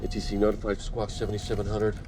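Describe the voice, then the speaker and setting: A man's voice: lowish voice, monotone, quick pace. A male airline first officer in a cockpit, talking on a pilot headset and reading an emergency checklist aloud in short, clipped callouts, heard on a distant, noisy cockpit recording.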